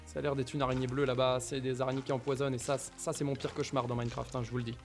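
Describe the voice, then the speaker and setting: A man's voice: medium pitch, little pitch movement, rapid-fire, faint music behind. A man giving casual commentary on his Minecraft playthrough, talking to the mobs and to viewers, repeating nervous exclamations in tense moments. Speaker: gaming YouTuber.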